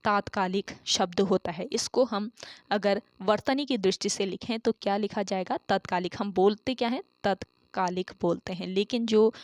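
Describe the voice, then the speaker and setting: Female online tutor, mid pitch, deliberate explainer, dead-dry room. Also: no room sound. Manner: asks questions then answers them herself; repeats key terms for emphasis. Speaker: Hindi exam tutor. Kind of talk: online exam-prep lesson.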